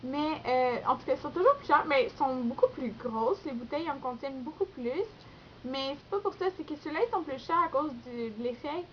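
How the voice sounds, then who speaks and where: Young Québécois woman, high voice, chatty haul vlogger, muffled home recording. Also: fairly quick, a little hiss or hum. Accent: Québécois French. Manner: chatty, rambling, many fillers and self-corrections. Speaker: beauty vlogger. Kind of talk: casual nail polish haul vlog.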